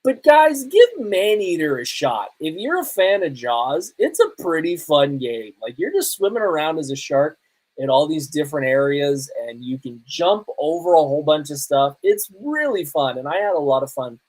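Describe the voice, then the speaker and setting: A man in his thirties with a fairly high, a little mellow voice chats in a sing-song way at normal speed. Hosting a casual solo podcast on pop culture and games, he comes across as conversational, enthusiastic and emphatic. The audio is poor.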